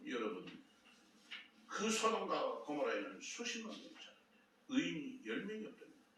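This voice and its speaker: Male pastor, sermon delivery, bright higher voice, heard from a distance in an echoey church with faint noise. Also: a little fast. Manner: animated storytelling, acting out dialogue.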